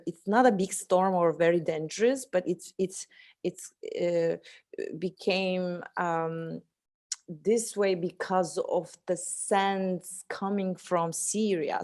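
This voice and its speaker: A woman's voice: lowish voice, darkish tone. A woman in her thirties from Turkey, an English speaker, presenting her art project with many fillers and restarts. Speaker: artist and photographer guest. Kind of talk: presentation talk.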